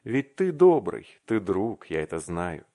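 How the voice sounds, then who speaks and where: A man voicing a timid, tender-hearted young man in love in an audiobook, speaking earnestly and haltingly. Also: low voice, big pitch swings. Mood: earnest confiding. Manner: earnest, faltering, warm confessional. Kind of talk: audiobook reading.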